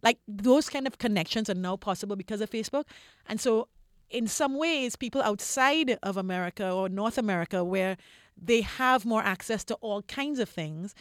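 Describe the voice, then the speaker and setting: This interview guest is a woman from Trinidad who works as a corporate diversity executive, speaking at medium pitch. She makes her case in an articulate, persuasive way, leaning on repeated phrases, and the studio-quality sound has no echo.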